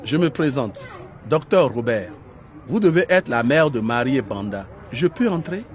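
A man's voice: medium pitch, lively intonation, normal speed, natural voice. An actor playing a kindly, courteous male doctor in a radio drama, reassuring and polite.

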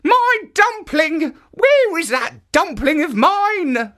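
A storyteller voicing a frantic old woman who wails and giggles in a shrill voice. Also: very animated, slow, pushed and bright, full character voice. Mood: wailing. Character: frantic cackling old woman chasing dumpling.

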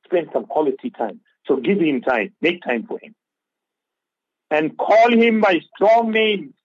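A man's voice: fairly high pitch, lively intonation, a little slow, slightly rough, no room sound, highs cut off. A man giving religious advice on a radio talk show, preaching and repeating key phrases for emphasis. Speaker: Islamic scholar on radio.

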